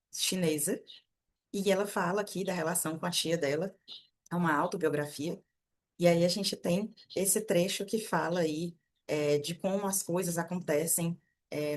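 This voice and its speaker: Slow, careful Brazilian woman teaching English. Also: on the low side. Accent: Brazilian Portuguese. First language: Portuguese. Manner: reads English slowly and clearly for repetition. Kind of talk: language lesson with slow read-aloud.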